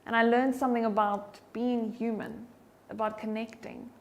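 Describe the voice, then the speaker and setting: A woman giving a motivational talk on voice and confidence. Her voice is expressive, moving in pitch and loudness for emphasis, and she drops to a soft whisper to demonstrate breathing. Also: moderate pace. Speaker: keynote speaker and voice coach.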